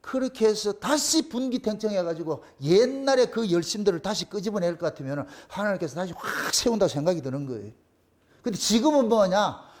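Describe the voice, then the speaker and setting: A man's voice: high-pitched, lively intonation, fairly quick. A man, a pastor, preaching a sermon in a blunt, colloquial way and repeating his key phrases for emphasis. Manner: blunt, colloquial, crude at times. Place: church.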